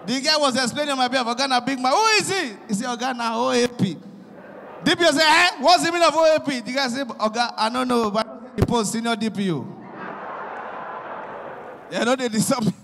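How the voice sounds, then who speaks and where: A young man with a Nigerian accent doing animated stand-up comedy in Pidgin, acting out his characters, on a handheld mic on a concert stage. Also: extremely high pitch, brisk, creaky, slight background noise. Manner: animated storytelling, acting out police and pastors. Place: large concert stage with live audience. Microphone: handheld microphone. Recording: long reverb of a large hall.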